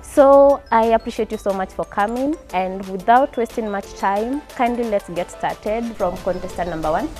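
A soft-spoken Kenyan woman in her twenties, politely questioning men on a dating show in a TV studio. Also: medium pitch, normal speed, few pauses, faint music behind. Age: 20s.

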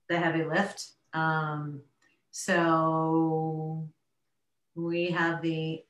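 Woman, board chair, low voice, halting with fillers, echoey room. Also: a bit bright. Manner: halting, with many fillers and restarts. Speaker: board chair leading a town meeting. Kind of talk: public meeting discussion.

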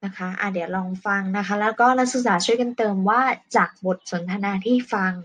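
Thai woman teaching English patiently. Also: medium pitch. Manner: patient, explains slowly, ends phrases with polite particles. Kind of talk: online English lesson.

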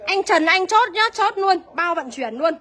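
A young woman, selling used cars on a livestream in a brisk sales patter and answering viewer comments. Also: very high-pitched, lively intonation, pushed and bright. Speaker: used car seller.

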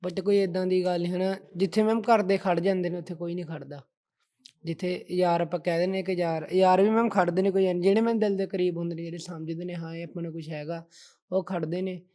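Talking earnestly about the poems he writes, this young interview guest says ma'am to his interviewer nearly every phrase. His high, dark-toned voice moves little in pitch and comes out briskly, in a casual interview setting.

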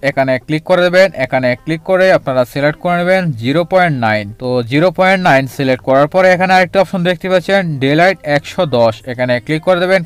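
A man's voice: on the high side, clear, resonant tone, no echo. A man hosting a phone app tutorial, walking viewers through each step and repeating instructions. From Bangladesh. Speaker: tech tutorial host.

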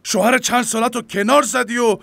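A man's voice: very high-pitched, fairly even intonation, creaky, bright, forceful tone, no echo, full character voice. A man dubbing a middle-aged husband with a sore throat, defensive and exasperated under accusation. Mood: indignant. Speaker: husband in family drama. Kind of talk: Persian dub of a TV drama.

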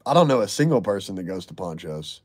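A man's voice: low voice, very animated, fast talker, a little mellow, no echo, studio quality. A man hosting a casual live stream from a garage, answering viewer messages with loose, profane, joking banter. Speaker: live stream host reading chat.

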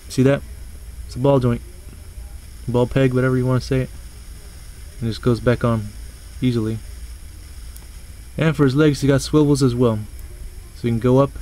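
A man's voice: medium pitch, a little mellow, rough recording. Easygoing man rambling through a toy review. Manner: rambling, swears casually, stumbles over words.

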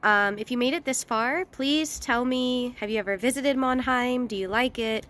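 Chatty, slightly hoarse woman vlogging outdoors. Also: on the high side, moderate pace, fairly bright tone. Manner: chatty, laughs often, hesitant fillers. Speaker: travel vlogger. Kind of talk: casual walking vlog. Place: outdoors walking through a small old town.

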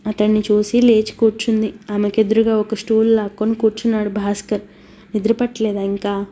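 Woman narrator with a flat monotone. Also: medium pitch, dull audio. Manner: very even, unhurried reading. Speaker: audiobook narrator. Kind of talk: scripted narration of a novel.

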